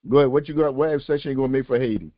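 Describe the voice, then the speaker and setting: A medium-pitched man races through casual talk as host of a call-in podcast, his sound thin and dull from a phone or conference-call line. He's animated and conversational, building up to exasperated emphasis.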